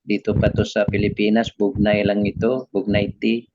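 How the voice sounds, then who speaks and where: A man's voice: lowish voice, completely flat delivery, moderate pace. A Filipino man preaching a sermon, mixing in English and asking the congregation "amen?" as he goes. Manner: preaching with call-and-response "amen?". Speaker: pastor. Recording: dull lo-fi recording with background noise.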